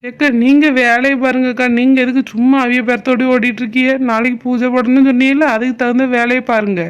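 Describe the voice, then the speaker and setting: A woman's voice: on the high side, smooth, highs cut off, lightly acted. A woman voicing a bossy young village woman. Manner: brisk and bossy, scolds an older friend. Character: blunt young village woman giving advice. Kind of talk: cartoon drama voice acting.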